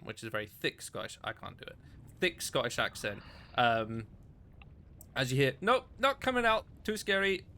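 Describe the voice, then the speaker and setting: A man's voice: medium pitch, a bit bright. A man running a tabletop game as game master, chatty with lots of fillers and casual swearing.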